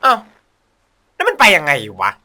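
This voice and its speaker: A man giving casual comedic gameplay commentary as a video host, crude, sweary and excitable in his exclamations. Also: very high-pitched, normal speed.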